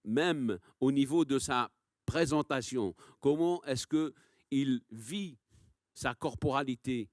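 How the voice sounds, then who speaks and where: A man's voice: mid-range voice, slow, no echo, studio quality. A man answering as a conference panelist, explaining in a didactic way with repeated phrases and rhetorical questions.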